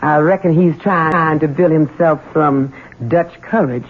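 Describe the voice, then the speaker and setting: An actress playing a deferential, worried household servant, hesitant and respectful, in a 1970s radio drama. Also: female voice, deep voice, measured pace, husky, full character voice. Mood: wry. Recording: muffled noisy vintage radio broadcast.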